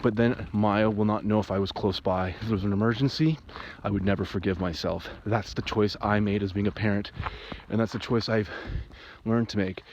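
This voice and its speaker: A separated father giving an emotional personal monologue, agitated and rambling, with restarts and sudden jumps in pitch. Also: steady tone, brisk, a little mellow. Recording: muffled, with faint background hiss.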